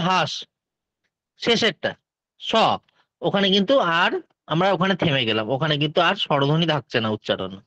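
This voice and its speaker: A man teaching an exam-prep lesson with a Bengali accent, his voice pitched noticeably high. He explains patiently and one step at a time. The sound is dry and a little dull and lo-fi. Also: no room sound. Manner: patient, explains step by step, takes student questions.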